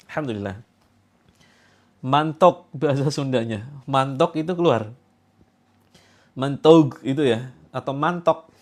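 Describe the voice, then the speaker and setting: A man from Java, coaching a group through a healing session. He gives instructions, jokes, and breaks into loud commands. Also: medium pitch, slow, pauses often. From Java, Indonesia.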